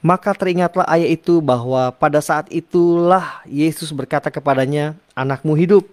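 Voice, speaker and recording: A man's voice: a little high, normal speed. A male preacher who reads scripture and preaches earnestly, often turning to address his listeners directly. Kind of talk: sermon with scripture reading.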